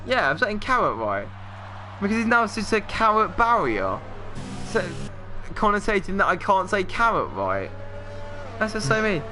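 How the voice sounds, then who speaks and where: Higher-voiced man who says w for r. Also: normal speed, pauses often, faint music behind. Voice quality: can't pronounce R and TH sounds, says w for r. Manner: chatty, jokey, excitable. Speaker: livestream race commentator and host. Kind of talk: casual live sim-racing commentary with banter. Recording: noisy mic with engine rumble.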